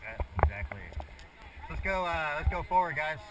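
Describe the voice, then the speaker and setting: A laid-back male rafting guide with a slightly high voice talks casually to his crew. He sounds a little way from the mic, outdoors with very loud rushing water all around. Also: expressive, far from the mic, very noisy. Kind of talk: casual instructions and chat with crew. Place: outdoors on a raft on a river.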